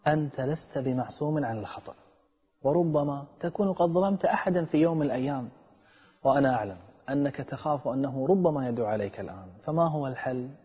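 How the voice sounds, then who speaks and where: A man preaching a sermon with earnest, dramatic storytelling and a husky voice. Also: medium pitch, animated, fast talker. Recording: echoey and dull, long reverb.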